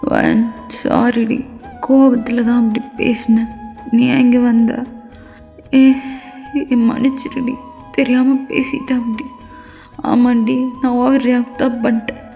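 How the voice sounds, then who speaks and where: Gravelly, warm, a woman voicing a remorseful young husband, tearful pleading, fan audio story. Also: a little high, little pitch movement, a little slow, long pauses, faint music behind. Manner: tearful begging.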